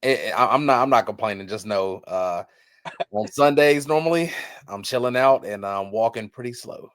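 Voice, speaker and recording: A man in his thirties hosting a podcast, talking in an earnest, heartfelt way with many halting restarts. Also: fairly low pitch, fairly bright tone, dry recording, clean studio sound. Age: 30s. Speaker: podcast host. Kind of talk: casual chat.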